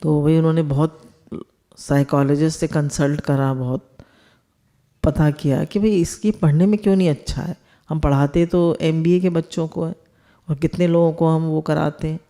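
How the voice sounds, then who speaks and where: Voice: mid-range voice, fairly even intonation, normal speed, dark tone. A spiritual teacher giving a discourse, explaining with everyday household examples and asking the listeners rhetorical questions.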